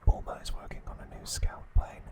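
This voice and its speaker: Speaking with deliberate care, a man hosting ASMR recaps an episode, pausing between short phrases.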